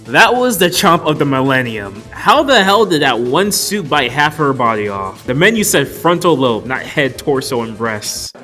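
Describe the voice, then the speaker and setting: A young man's mid-range voice comes across very animated, bright and forceful, at normal speed with few pauses. As a video reviewer, he gives a scripted, casual film commentary, joking and casually profane, over background music.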